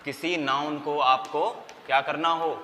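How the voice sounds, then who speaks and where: A man with a somewhat high, steady, sharp voice takes his time teaching English grammar in Hindi. He asks his own questions, answers them, and spells letters out. The audio has long reverb and a faint noise floor.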